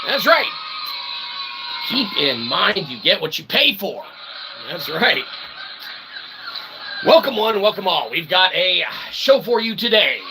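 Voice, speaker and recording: A man hosts a comedy show, delivering a rambling comic monologue to an audience in the style of a theatrical showman, full of wordy mock-formal phrasing and repeated catchphrases. His voice sits high with big pitch swings, and he speaks slowly with frequent pauses. The recording is clearly noisy.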